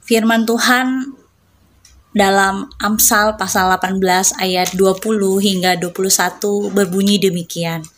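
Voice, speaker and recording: A woman preaching a sermon, often calling her listeners brothers and sisters and stressing her points with measured emphasis. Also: mid-range voice, steady tone.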